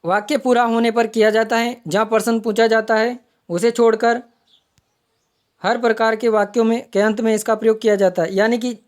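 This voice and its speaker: A woman's voice: fairly high pitch, flat delivery, normal speed, a little mellow. A woman teaching an online exam-prep grammar lesson, explaining step by step and repeating each term as she points it out. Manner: explanatory, repeats terms while pointing them out.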